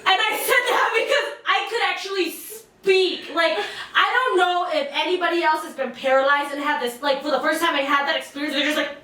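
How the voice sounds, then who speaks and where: A young adult woman co-hosting a podcast, telling a story in a casual, animated way, with lots of fillers and swearing. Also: sits high, fairly quick, few pauses. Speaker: podcast co-host. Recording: echoey room, distant mic.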